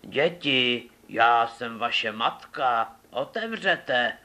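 A man voicing a sly, deceitful wolf in a storybook, speaking slowly and coaxingly. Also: mid-range voice, expressive, bright, forceful tone. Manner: slow, wheedling. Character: sly big male wolf, wheedling and deceitful.

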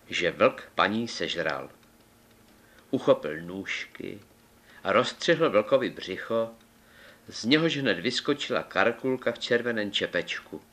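A man reading a fairy tale aloud in a measured, deliberate way. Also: fairly low pitch, fairly bright tone. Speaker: storyteller.

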